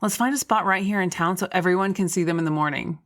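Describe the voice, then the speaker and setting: A woman's voice: fairly low pitch, fast talker, close to an everyday voice. A woman voicing a playful, headstrong small-town friend in an audiobook, bubbly and a little bossy. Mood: excited.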